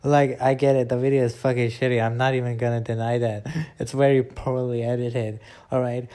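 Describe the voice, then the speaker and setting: A man's voice: mid-range voice, little pitch movement, brisk, warm tone, clear, resonant tone. A man with a non-American accent ranting bluntly and profanely while reacting to his own old videos. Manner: profane, blunt ranting with filler "all right?". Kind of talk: casual ranting commentary.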